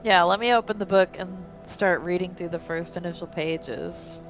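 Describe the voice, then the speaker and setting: A woman's voice: fairly low pitch, moderate pace, lo-fi sound, over music. A woman playing a tabletop game, often asking curious questions. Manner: curious, asks lots of questions. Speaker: player. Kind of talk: casual tabletop play.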